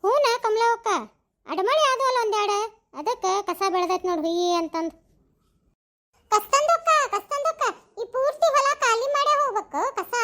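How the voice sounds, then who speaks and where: A woman's voice: very high-pitched, a bit bright. A woman voicing gossipy, teasing middle-aged village women in a comedy cartoon, with a North Karnataka Kannada accent. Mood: chatty. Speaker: cartoon voice actor.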